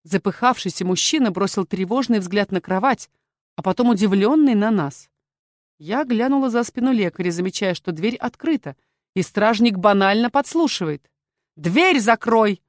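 A woman narrating a first-person novel in a lively, expressive way. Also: mid-range voice, normal speed, no echo, clean studio sound.

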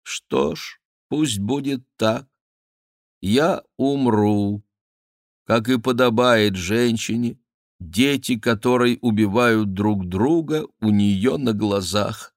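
A man voicing an aging, scheming queen mother who pleads with her son in a raised, drawn-out way. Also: on the low side, no echo, studio quality. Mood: imploring.

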